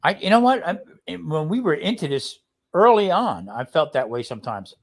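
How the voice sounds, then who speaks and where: Over a loud crowd, a New Jersey man co-hosts a livestream, chatting casually and telling stories. His voice sits on the high side with big pitch swings at normal speed, and he's blunt and rambling, often making sure listeners are following.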